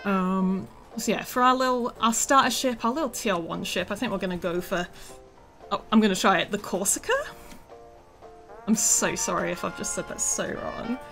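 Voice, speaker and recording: Woman, game developer, casual livestream chat, scratchy rough voice, medium pitch, lots of fillers, soft music underneath. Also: moderate pace. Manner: chatty, with many ums and uhs. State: scratchy, rough voice from feeling unwell. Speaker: game developer streaming a demo.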